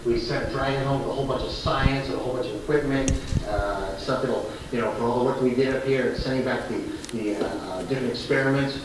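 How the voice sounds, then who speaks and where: Astronaut's voice over a space radio downlink. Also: male voice, mid-range voice, a little fast, hardly any pauses. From former Marine test pilot. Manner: relaxed, plainspoken, slight hesitations. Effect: space-to-ground radio downlink. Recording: echoey distant radio downlink with hiss.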